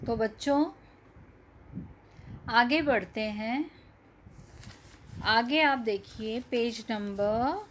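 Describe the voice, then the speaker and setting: Woman teacher, very slow deliberate reading, fairly high voice, children's reading lesson, drawn-out words. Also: a little hiss or hum. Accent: Hindi. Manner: slow, drawn-out word-by-word reading with repeated questions. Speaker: primary school teacher.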